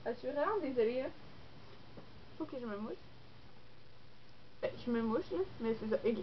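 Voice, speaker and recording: Here a beauty vlogger in her young adult years talks casually to camera at a normal pace, her slightly high voice carrying lively intonation. Stuffed up with a cold, she wanders through her thoughts with plenty of fillers in a Québécois French accent. Faint noise sits under a dull, lo-fi recording.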